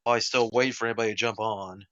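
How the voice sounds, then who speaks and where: A man's voice: fairly low pitch, steady tone, very fast, a bit bright, lo-fi sound. A man hosting a casual live stream chat, rambling with many fillers and self-corrections, talking into a wired headset. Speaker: livestream host.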